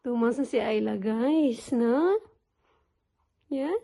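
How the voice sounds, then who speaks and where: Young mother vlogger, high voice, slow easy pace, casual chat with baby talk. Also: gravelly, warm tone. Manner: mixes Tagalog and English, sing-song baby talk to infant. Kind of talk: casual family vlog chat.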